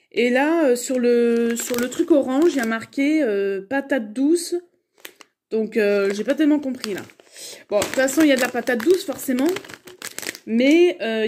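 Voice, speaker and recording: A woman's voice: high-pitched, darkish tone, slight background noise. A young adult woman chatting casually through a shopping haul video, rambling with many fillers and restarts. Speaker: vlogger.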